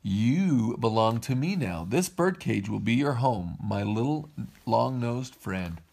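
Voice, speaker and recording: A man voicing a greedy, bullying puppet master in a storybook read-aloud, loud and theatrical. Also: mid-range voice, animated, slow, gravelly, heavily acted. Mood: menacing.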